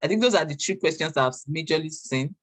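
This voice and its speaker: Halting Nigerian woman moderating. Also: sits low, lively intonation. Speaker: moderator of an online business meeting. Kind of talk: informal moderating of questions.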